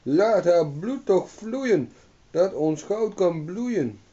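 A man's voice: mid-range voice, measured pace, mellow, lightly acted. Man doing a bold young farmhand. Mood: gleeful chanting. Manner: gleeful chanting, stern commands. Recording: dull distant recording.

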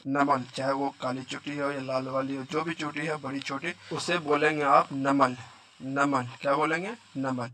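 A man's voice: mid-range voice, pushed and bright. A man teaching a vocabulary lesson, repeating each word and quizzing the listener. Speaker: Arabic teacher.

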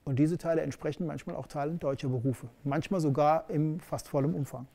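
A middle-aged man presenting as an education expert to camera in a studio, measured and explanatory, stressing key words. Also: a little high, fairly even intonation, creaky, mellow.

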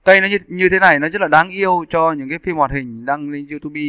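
A 3D animation instructor narrates a casual software tutorial as an indoor screen-recording voice-over, explaining each step informally and often checking that listeners are keeping up. His clear, bright voice is pitched a little high, with fairly even intonation and fast delivery, and there is no echo.

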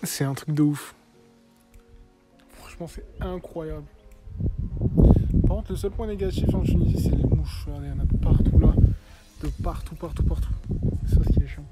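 A man's voice: fairly high pitch, moderate pace, pauses often, loud music behind the voice, rough recording. A man in his twenties chatting casually to his vlog followers in informal French street slang. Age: 20s. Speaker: travel vlogger. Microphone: phone at arm's length.

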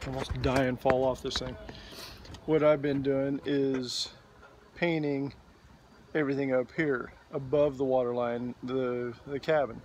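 A man in his forties vlogging outdoors in a boatyard, talking into a phone held at arm's length in a relaxed, rambling way. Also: medium pitch, a little slow, a little hiss or hum. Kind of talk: casual video diary. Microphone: phone camera at arm's length.

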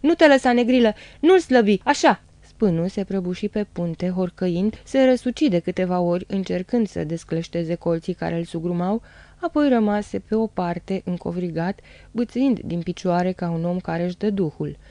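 A woman reads a novel aloud as an audiobook, telling the story in a steady, dramatic way. Her voice is low and mellow, and the recording is dry and close. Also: dry recording. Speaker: narrator. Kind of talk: audiobook reading.

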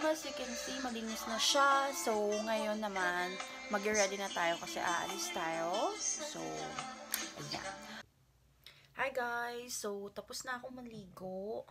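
A woman's voice: fairly high pitch, expressive, slow, music in the background. A young woman with a Filipino accent chatting casually to her phone camera in a vlog, first in her bedroom and then in a car. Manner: chatty, laughing, trailing fillers. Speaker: vlogger. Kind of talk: casual vlog chat mixing Tagalog and English. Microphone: phone camera at arm's length. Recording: loud background noise.

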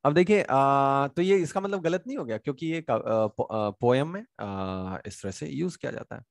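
A man with an Indian English accent teaches grammar in Hindi, asking questions and answering them himself. His voice has a gravelly, fry-tinged edge. It is recorded close and dry, with no room sound. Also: medium pitch, animated, normal speed, dry recording. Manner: many hesitation sounds and restarts. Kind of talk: online grammar lesson.

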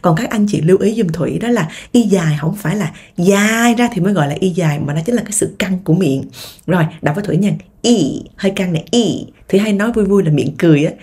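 A young Vietnamese woman teaching English vocabulary in Vietnamese. She drills each word slowly and explains quickly. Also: lowish voice, dark tone, slightly rough.

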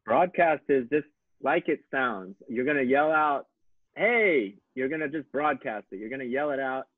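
Male co-host, halting delivery, phone-like dry audio. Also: mid-range voice, dry recording. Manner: halting, agreeable, restarts often. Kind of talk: livestreamed coding lesson. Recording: dry tinny phone-like line.

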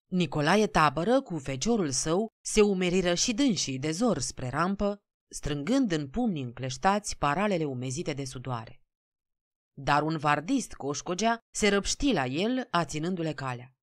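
A woman narrating a classic story as an audiobook, steady and expressive. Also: low-pitched, dry recording, clean studio sound.

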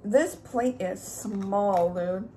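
A woman's voice: mid-range voice, extremely slow, dark tone, a little hiss or hum. A young woman in a casual mukbang vlog, chatting and rambling to her viewers while she makes chocolate milk and cuts pizza at home. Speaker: YouTuber. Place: room at home. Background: faint TV in the background.

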